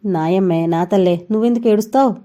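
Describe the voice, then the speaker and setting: A woman voicing a sharp-tongued, doting old grandmother who scolds loudly, read aloud in a storybook telling. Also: medium pitch, fast talker, close to an everyday voice. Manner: loud and scolding.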